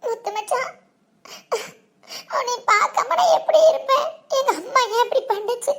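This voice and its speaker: A woman's voice: very high voice, expressive, quick pace, vocal fry, a bit bright, full character voice. A woman voicing a tearful, lovesick young village woman in a cartoon, speaking with a southern Tamil accent. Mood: hurt. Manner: weepy, pleading. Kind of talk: cartoon voice acting. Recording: background music under the voice.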